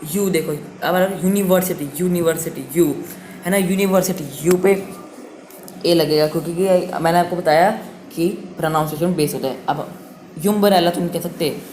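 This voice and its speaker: A man's voice: a little high, normal speed, a little mellow. A man teaching a grammar lesson online, patient and repetitive, sounding words out again and again. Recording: echoey room with faint noise.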